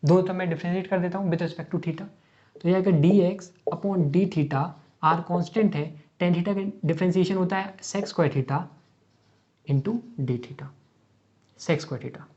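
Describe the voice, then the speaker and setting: A man whose high voice is a little mellow gives an exam-prep physics lecture, working each step out on a board. He asks questions of himself and answers them step by step, with English math terms mixed in, recorded in dull lo-fi sound.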